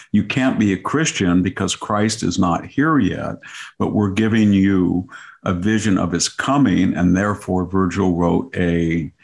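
Older male scholar, low creaky voice, professorial and digressive, explaining in conversational style. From grew up on a farm. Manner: professorial, digressive, self-rephrasing. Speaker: scholar guest explaining classics.

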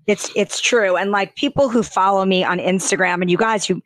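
A woman's voice: medium pitch, brisk, dry recording. A woman hosting a beauty podcast, chatting in an effusive, rambling way with lots of fillers. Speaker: podcast host and beauty editor.

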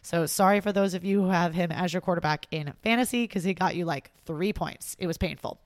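A woman's voice: on the low side, brisk, no room sound. Chatty woman reading sports news. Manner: chatty, amused, laughs between stories. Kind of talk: weekly sports news roundup.

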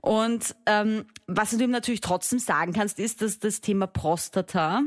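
A woman hosts a call-in advice show on the radio. She talks frankly and briskly at a middle pitch, and the studio sound is close and dry. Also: no echo. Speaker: radio sex advice host.

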